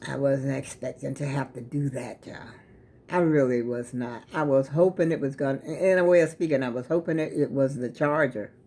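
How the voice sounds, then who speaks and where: A woman's voice: rumbling low, moderate pace, warm tone. An American woman with plugged-up sinuses, chatting casually to her viewers in a folksy, rambling way. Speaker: vlogger. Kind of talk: casual chat vlog to viewers.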